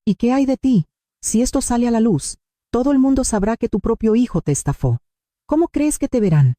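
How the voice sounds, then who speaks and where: A woman's voice: fairly high pitch, animated, a little fast, warm tone, no room sound, studio quality, close to an everyday voice. A woman voicing a manipulative adult son in a spoken story, her own voice barely changed. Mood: cold, manipulative. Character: manipulative grown son, a man cornered.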